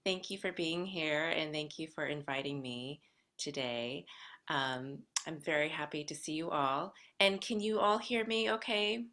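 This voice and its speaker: An American woman giving a workshop as a guest lecturer, explaining in measured phrases and speaking directly to her group. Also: low voice, sharp tone. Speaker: guest lecturer in music education. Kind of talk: workshop presentation with gentle guidance.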